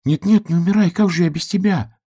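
A man voicing a small, timid piglet in a high, pleading storybook voice. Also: a little fast, creaky, dark tone, husky, full character voice. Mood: anxious.

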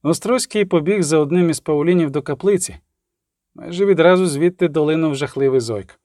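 A man narrates an audiobook with a steady, even read. His voice sits a little high for a man. The sound is dry and close, with no room around it. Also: brisk, dry recording. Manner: steady storytelling read, acting out characters.

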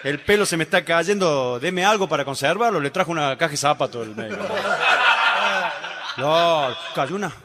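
A man with a Rioplatense Spanish accent doing stand-up, rattling off jokes and acting out his characters' lines. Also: expressive. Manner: rapid joke delivery, voices his characters' lines with pitch jumps. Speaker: stand-up comedian. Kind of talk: stand-up joke telling. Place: live stage show. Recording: reverberant live hall, noisy. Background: audience laughter and applause.

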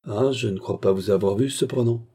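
A man voicing a cold, unflappable young nobleman posing as an Englishman, who speaks with calm, impassive denials. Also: fairly low pitch, fairly quick, slightly rough. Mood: cool.

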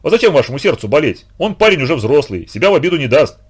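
Brief: man doing a calm, kindly adult guardian, lively and reassuring in a storybook reading. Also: a little high, racing, breathy edge. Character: kind, steady grown man leading children.

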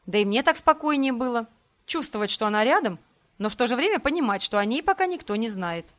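A woman narrating a first-person fantasy novel in a calm, even storytelling manner. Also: fairly high pitch, fast. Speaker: audiobook narrator.

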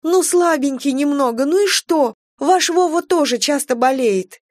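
A woman doing a high, pleading young mother. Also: completely flat delivery, very slow, dark tone, no echo, studio quality. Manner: high, pleading, near tears.

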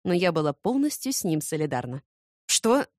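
A woman narrating an audiobook in first person, expressive and ironic. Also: fairly low pitch, brisk, dry recording, clean studio sound.

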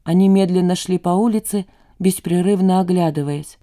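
A woman giving an expressive, lively audiobook narration. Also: lowish voice, moderate pace.

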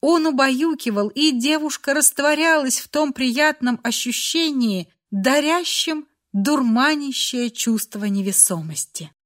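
A woman's voice: sits high, animated, measured pace, few pauses, fairly bright tone. Woman reading a romance dramatically. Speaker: narrator. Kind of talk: audiobook narration.

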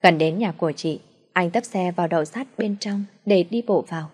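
A woman narrating a dramatic family story in a calm, measured way. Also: on the low side, slightly rough.

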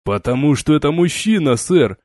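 A blustering, hotheaded colonel, as a male reader voices him, barking his reports loudly and a notch higher than normal speech. The recording is dry. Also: lively intonation, normal speed, dry recording, close to an everyday voice. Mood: insistent. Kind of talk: audiobook character reading.

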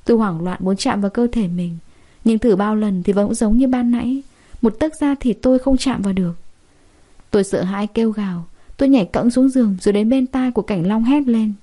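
A woman narrating a dramatic first-person story in a steady, emotional storytelling manner. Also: medium pitch, fairly quick.

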